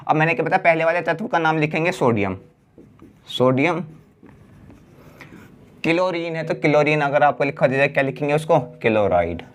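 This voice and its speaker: A man teaching a class chemistry lesson. He asks the class questions and answers them himself, drawing out the key words slowly. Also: on the high side. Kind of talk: blackboard lesson.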